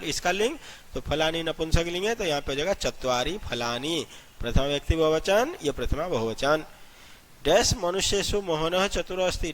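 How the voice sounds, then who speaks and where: A man's voice: high-pitched, a bit bright. A man teaching a grammar lesson to school students, explaining step by step and reciting long lists of number words. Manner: addresses students as children. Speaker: Sanskrit teacher. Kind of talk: classroom-style grammar lesson.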